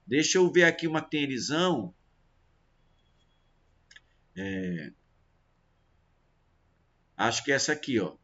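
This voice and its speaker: A man teaching a literature review lesson, talking straight to his students and slowly counting out syllables aloud. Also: medium pitch, big pitch swings, fairly bright tone. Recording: dull lo-fi audio.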